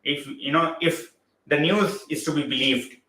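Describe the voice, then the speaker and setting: A man with an Indian English accent hosts a casual live stream, chatting loosely and greeting viewers by name. His voice is bright and forward. The room adds a clear echo around it. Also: a little high, a little slow. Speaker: football live-stream host.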